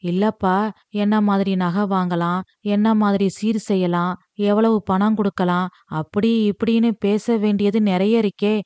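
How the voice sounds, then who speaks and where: A woman's voice: mid-range voice, fairly even intonation, unhurried, a little mellow, dry recording, close to an everyday voice. A woman voicing an older widowed mother who scolds her son in a wounded, reproachful way. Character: older widowed mother demanding lavish gifts.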